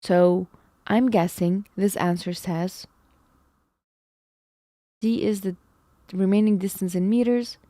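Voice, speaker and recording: A woman with a medium-pitched, dark voice speaks slowly and steadily, pausing often, in a recording with no echo. Live-streaming, she thinks aloud through math problems, second-guesses herself, and chats with viewers. She feels her voice is going.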